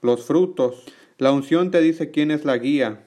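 A man relaying a preacher's teaching in an earnest, measured way, with small slips and restarts. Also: a little high, darkish tone. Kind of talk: religious teaching narration.

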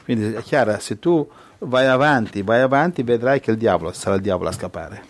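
A man with a medium-pitched voice hosts an informal devotional talk. His manner is playful and teasing as he addresses guests and followers. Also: animated, fairly quick, a little hiss or hum. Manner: joking, teasing. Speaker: host of a religious online talk.

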